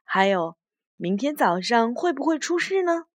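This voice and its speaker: A woman voicing a vain, quarrelsome witch who wails and shouts in a children's story. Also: sing-song, normal speed, slight background noise. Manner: wailing, shrill.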